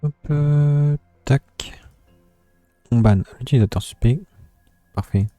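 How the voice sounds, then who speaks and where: A man's voice: medium pitch, measured pace, mellow, no echo, faint music behind. A man, a streamer, chatting casually. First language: French. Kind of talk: casual chat.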